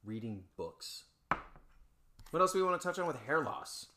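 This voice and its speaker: A man's voice: fairly high pitch, big pitch swings, moderate pace, crowd noise. A man co-hosting a podcast, teasing and laughing in casual chat with some swearing. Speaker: podcast co-host.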